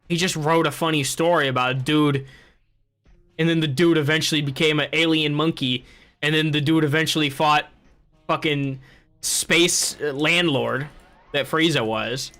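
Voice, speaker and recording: A man's voice: on the high side, steady tone, normal speed, a bit bright. A young man hosting a gaming podcast, ranting in casual chat and swearing freely. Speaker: podcast host.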